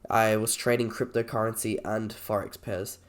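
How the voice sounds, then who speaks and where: Croaky-voiced man, casually explaining. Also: on the low side, level tone, moderate pace. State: sick with a cold or cough. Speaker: trader presenting a video. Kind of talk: casual screen-share trade review.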